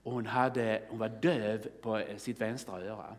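A man's voice: lowish voice, steady tone. A man preaching a sermon, telling a testimony story in a fervent, exclaiming way and calling out halleluja. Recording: long reverb of a church hall.

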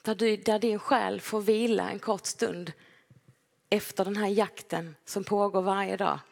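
A woman preaching a gentle, personal sermon in a church, now and then acting out short quoted lines. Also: medium pitch, fairly even intonation, creaky. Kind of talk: conversational sermon. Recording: long hall reverb.

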